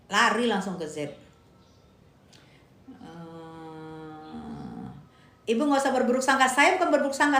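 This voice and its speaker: A woman's voice: high voice, fairly bright tone, roomy sound. A woman giving casual live-stream commentary. She argues emphatically, repeats her points and answers viewer comments aloud.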